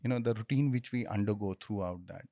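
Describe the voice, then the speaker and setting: A man in his forties from Jammu and Kashmir with an Indian accent and Hindi as his first language, telling his story conversationally as an interview guest, pausing mid-phrase to explain. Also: lowish voice, mellow, no room sound. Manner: explanatory, pauses mid-phrase, often says "you know". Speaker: interview guest, military officer.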